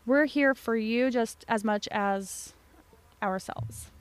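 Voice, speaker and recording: Higher-voiced woman podcaster, clean and close. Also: takes it slowly, smooth, dry recording. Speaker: podcast co-host. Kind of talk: casual podcast chat. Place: home basement with no door. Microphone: desk microphone.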